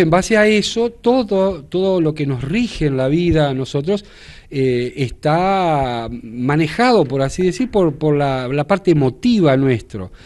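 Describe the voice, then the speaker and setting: A man's voice: a little high, a little mellow. A man, a church leader explaining an event in a TV news interview, with many fillers and restarts. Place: indoors in front of a studio backdrop.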